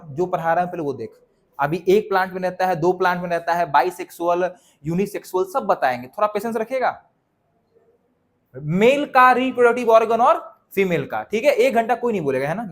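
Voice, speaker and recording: A young male teacher lecturing a classroom of students, firing questions at them and making them repeat answers back. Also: high voice. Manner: drills students with call-and-response questions; scolds students sharply when they laugh.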